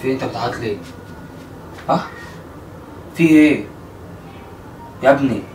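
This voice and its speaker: A man's voice: mid-range voice, brisk. Egyptian young male, concerned and insistent, echoey noisy room recording. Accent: Egyptian Arabic. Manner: worried, pressing questions, comforting. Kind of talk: caught-off-guard conversation. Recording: distant roomy mic with room noise.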